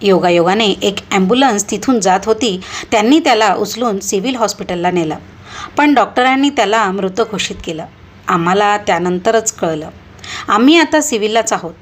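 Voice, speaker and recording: A woman voices a grieving young man in a storybook tale, speaking hesitantly and apologetically. Her voice stays husky and breathy. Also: medium pitch, expressive, normal speed. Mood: somber.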